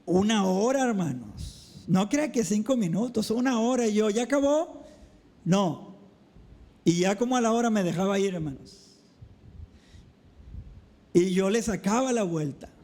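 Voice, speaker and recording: A man preaching a sermon as a pastor, calling the congregation brethren over and over, speaking slowly with emphatic drops in his voice. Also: high voice, expressive, a little mellow. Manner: preaching with repeated address to the brethren; slow, emphatic delivery with dramatic drops. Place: church.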